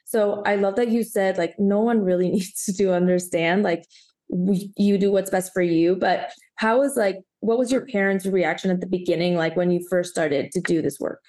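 A woman's voice: mid-range voice, steady tone, moderate pace, mellow. A woman co-hosting a podcast interview, asking questions in a chatty way that is full of "like" and offering encouraging agreement. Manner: chatty, many "like" fillers, encouraging backchannels. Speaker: podcast co-host. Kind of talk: conversational interview.

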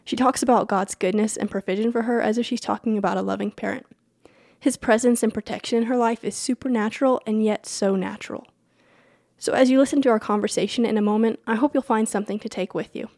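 A woman's voice: on the high side, steady tone, fast talker, a little mellow, no echo, clean studio sound. A woman podcast host who reads her show's announcements and introduction, then chats with a guest, talking in a chatty way, apologizing and laughing easily. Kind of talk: scripted podcast intro and casual interview.

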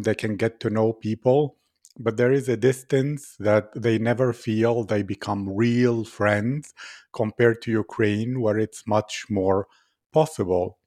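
A man hosting an interview, asking gentle, encouraging questions. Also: lowish voice.

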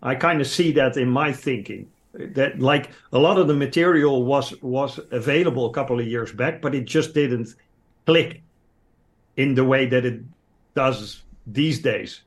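A man from the Netherlands, a native Dutch speaker, talking English in a reflective casual chat, thinking aloud in halting pieces. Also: mid-range voice.

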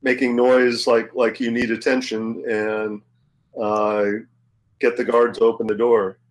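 A man playing a tabletop game, talking hesitantly with many pauses and fillers. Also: mid-range voice, level tone, low-quality recording. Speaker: player. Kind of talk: casual game play.

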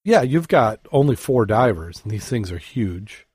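A man co-hosting a podcast, reading dive news articles aloud and chatting, halting with fillers and self-corrections. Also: medium pitch, big pitch swings, a little mellow, husky, no room sound. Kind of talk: casual news reading and chat.

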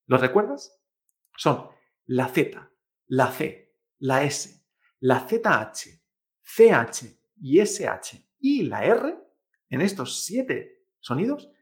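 Lively, high-voiced teacher man. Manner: patient, explanatory, checks in with tag questions. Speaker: Mandarin teacher. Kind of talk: online pronunciation lesson.

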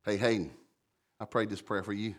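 Speaking fairly quickly, a pastor delivers a lively sermon in a church with a booming voice that keeps a conversational feel. Loud, emphatic statements alternate with quiet, warm asides. He singles out members of the congregation by name.

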